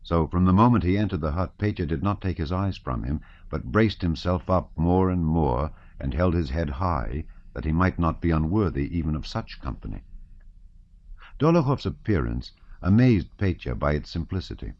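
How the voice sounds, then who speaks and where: Deep-voiced man reading an audiobook. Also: animated, moderate pace, lo-fi sound. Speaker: audiobook narrator. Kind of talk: scripted narration.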